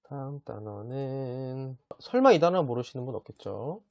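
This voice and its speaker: A man's voice: medium pitch, lively intonation, vocal fry, darkish tone, no echo. Chatty male English tutor, dull dry sound. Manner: chatty, checks in with listeners often, models pronunciation slowly. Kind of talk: casual vocabulary lesson.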